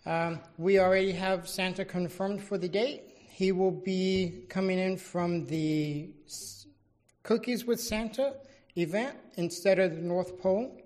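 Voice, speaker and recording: An official presenting at a public meeting in an everyday, middle-pitched voice. The delivery is informal and matter-of-fact, like a fire chief briefing a council. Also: steady tone, measured pace, darkish tone.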